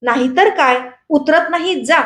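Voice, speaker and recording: A woman reading a storybook aloud, voicing a hot-headed, defiant village youth who shouts dares. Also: sits high, unhurried, roomy sound.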